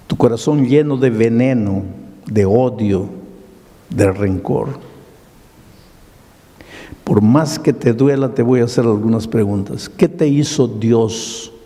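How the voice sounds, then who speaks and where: Older peruvian pastor guy preaching slow, gravelly dark voice, big hall echo. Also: medium pitch. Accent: Peruvian Spanish. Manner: dramatic preaching, acts out dialogue. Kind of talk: sermon storytelling. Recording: long hall reverb.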